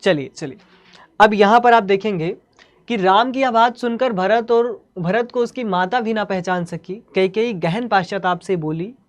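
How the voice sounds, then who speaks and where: A woman teaching a class, explaining and reciting verse in a lively, animated way and often checking that students follow. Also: medium pitch, normal speed.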